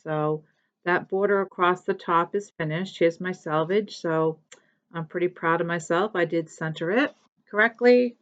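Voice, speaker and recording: A woman's voice: lowish voice, normal speed, muffled recording. A woman chatting casually as a cross-stitch vlogger, rambling a little and correcting herself as she goes. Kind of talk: casual show-and-tell chat.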